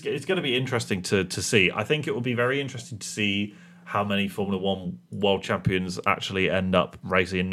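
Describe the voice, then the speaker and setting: Against slight background noise, a man with a deep, sharp-toned voice co-hosts a podcast. His talk is loose and wandering, full of tangents and jokes at his own expense.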